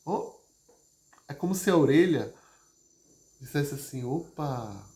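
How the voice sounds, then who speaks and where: A man leading a live session, moving between loud emphasis and soft, gentle speech. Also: on the high side, unhurried. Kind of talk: live talk to an audience. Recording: roomy, echoey sound.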